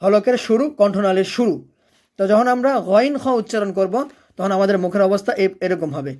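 Recitation teacher, mid-pitched voice, patient step-by-step explanations, slow melodic chanting. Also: a little mellow. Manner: explains rules step by step, then recites verses slowly and melodically. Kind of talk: recitation lesson.

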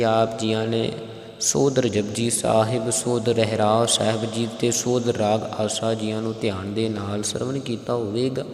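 A man with a Punjabi accent teaching correct scripture recitation, alternating slow chanting with plain spoken explanation. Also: lowish voice, a little mellow. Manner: chants scripture lines slowly, then explains pronunciation plainly. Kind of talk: religious recitation lesson. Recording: echoey, reverberant room.

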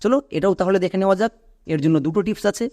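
A man's voice: high-pitched, rapid-fire, mellow. A man teaching English pronunciation, patiently spelling out letters and repeating sounds. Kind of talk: tutorial explanation.

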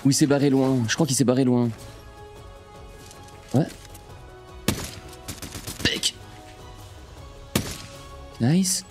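A young man giving excitable gameplay commentary to his viewers, breaking into sudden frustrated outbursts. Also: medium pitch, very slow, long pauses, faint music behind. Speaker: gaming streamer.

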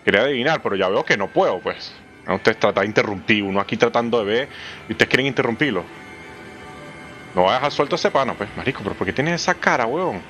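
A young man with a Venezuelan Spanish accent talks through a horror game in a very lively voice that swings widely in pitch. He swears freely and keeps breaking into squeaky high yelps. Soft game music plays behind him. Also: fast talker. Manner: excitable, swears a lot, jumps to squeaky high exclamations. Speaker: let's play gamer. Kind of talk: horror game let's play commentary.

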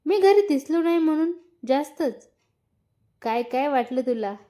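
A woman's voice: high voice, lively intonation, measured pace, warm tone, pitched above the performer's own voice. A woman voicing a teasing, eager young husband, playful and insistent, in a read-aloud story.

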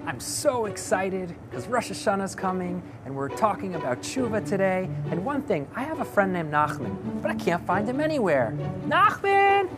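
Energetic male rabbi hosting kids' show. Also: sits high, moderate pace, hardly any pauses, over music. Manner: energetic, talks straight to the kids. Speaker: rabbi and children's show host. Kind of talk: children's show presenting.

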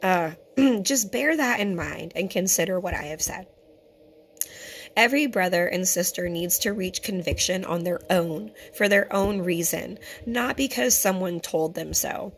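A hoarse woman who keeps clearing her throat, giving an earnest, conversational scripture teaching to her viewers. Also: on the low side, a little slow, slight background noise. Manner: earnest and conversational, addresses viewers as brothers and sisters. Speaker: teacher of a Torah fellowship. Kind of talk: home-made teaching video.

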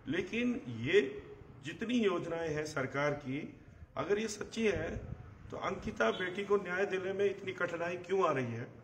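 Hoarse middle-aged man, higher-pitched voice. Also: lively intonation, unhurried, roomy sound, slight background noise. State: hoarse, recovering from a bad cough. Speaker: journalist and live show host. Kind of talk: live political commentary. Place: outdoor terrace in the hills. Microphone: phone a short distance away.

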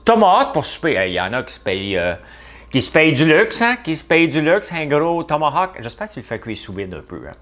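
A man's voice: a little high, very animated, brisk, a bit bright. A middle-aged man with a Quebec French accent, hosting a casual livestream and chatting with viewers by name. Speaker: livestream host reading viewer comments. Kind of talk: casual live chat.

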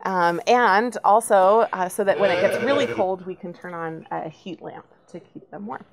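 A woman in her thirties giving a simple, patient outdoor tour of her backyard chicken coop for children. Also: medium pitch. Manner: patient, explaining slowly and simply. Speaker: hobby farm owner giving a tour. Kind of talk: virtual field trip tour for children.

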